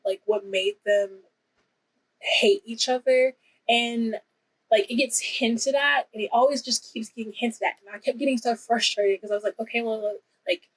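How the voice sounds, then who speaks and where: A woman's voice: on the high side, slightly rough, low-quality recording. A woman hosting her own channel, reviewing books in a gushing, chatty way with lots of fillers. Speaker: book reviewer and channel host. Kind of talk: casual book review chat.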